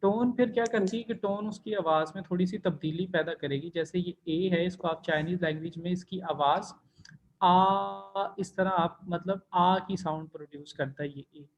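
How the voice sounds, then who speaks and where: Over a computer mic on a video call, a high-pitched man teaches an online language class, patiently explaining step by step and drawing out sounds to demonstrate tones. His intonation is fairly even, his pace moderate, with hardly any pauses.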